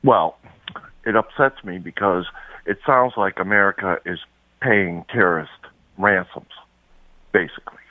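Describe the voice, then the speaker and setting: Male caller, speakerphone, tinny phone line, low voice, dry sound, hesitant. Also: unhurried, long pauses, no echo. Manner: hesitant, with frequent ums. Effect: speakerphone call over a phone line. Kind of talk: call-in radio talk.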